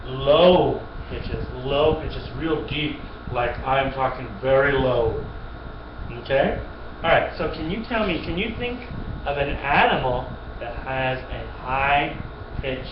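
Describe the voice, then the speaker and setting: A man speaks slowly yet animatedly in a mid-range voice while teaching a child piano one-on-one, staying encouraging, repeating points, and praising often. The distant webcam mic sounds dull, the room echoes, and music and background noise come through.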